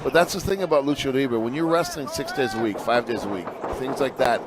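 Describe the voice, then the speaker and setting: A man's voice: medium pitch, a little fast. A man giving conversational color commentary as a lucha libre announcer, colloquial and emphatic, often repeating phrases. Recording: noisy venue with crowd behind.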